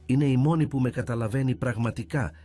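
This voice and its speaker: A man's voice: lowish voice, sing-song, warm tone, faint music behind, pitched above the performer's own voice. A man voicing an earnest young blind man, the son of a rich father, pleading and emotional in a read-aloud story.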